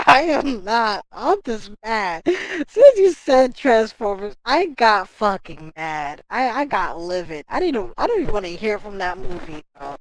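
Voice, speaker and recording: A woman's voice: a little high, a little slow, rough recording. A woman livestreaming from home, ranting in casual talk, swearing and speaking straight to her chat. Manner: animated, profane ranting.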